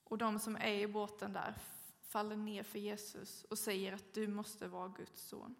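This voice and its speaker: A woman's voice: medium pitch, level tone, creaky. Woman preaching in a reverberant church. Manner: conversational storytelling with occasional fillers. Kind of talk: sermon with scripture reading.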